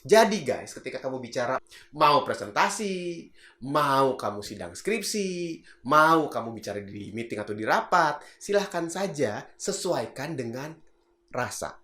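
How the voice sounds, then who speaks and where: A man coaching public speaking in a casual video lesson, lively and demonstrative, using casual slang. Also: mid-range voice, measured pace, roomy sound.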